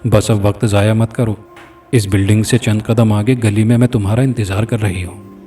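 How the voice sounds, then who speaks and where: A seductive, menacing female spirit in a spoken horror story, as a male narrator puts her on. The voice is mellow and dark and sits a little back from the mic. Faint music plays underneath. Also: on the low side, steady tone, husky, far from the mic. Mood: threatening. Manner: coaxing then threatening.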